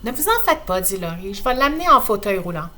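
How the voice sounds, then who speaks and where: A Quebec woman reading a storybook, voicing a bold little girl in a bright, cheeky, matter-of-fact way. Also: medium pitch, big pitch swings, fast. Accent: Quebec French.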